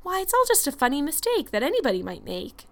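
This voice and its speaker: A woman voicing a kindly, merry minister's wife in a storybook, with a gentle, soothing, reassuring manner. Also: fairly high pitch, moderate pace, close to an everyday voice. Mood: comforting. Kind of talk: storybook character voice.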